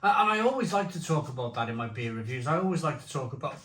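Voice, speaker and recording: Guy doing a casual rambly review, voice a bit high, repeats himself, echoey room. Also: big pitch swings, quick pace, a bit bright. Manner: rambling, repeats phrases for emphasis. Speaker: beer and snack reviewer. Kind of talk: casual review chat to camera. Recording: roomy echo.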